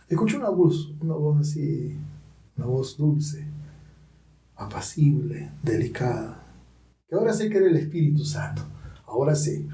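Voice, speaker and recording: A man's voice: on the high side, mellow. A middle-aged man with a Peruvian Spanish accent, a pastor telling his personal testimony as a dramatic storyteller who often adds tag questions. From Peru. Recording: roomy sound from a distant mic.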